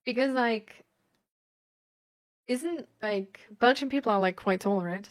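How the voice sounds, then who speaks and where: Slow and fairly high-pitched, this woman from Germany is a live host in a casual chat. She rambles and thinks out loud hesitantly, giggling and frequently breaking into laughter.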